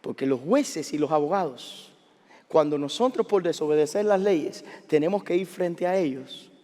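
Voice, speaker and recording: A middle-aged man preaching a sermon as a pastor, animated, asking the congregation questions and telling personal stories. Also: a little high, normal speed. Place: large church sanctuary. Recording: long hall reverb of a church.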